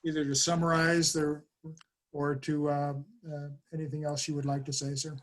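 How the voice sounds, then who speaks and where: A man moderating questions in an online webinar over a video call, speaking politely and haltingly with many fillers. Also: on the high side, flat delivery.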